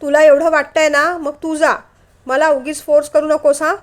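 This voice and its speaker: A woman's voice: high-pitched, level tone, moderate pace, natural voice. A woman voicing a stubborn, irritable older man who talks curtly, in a storybook reading. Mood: irritated.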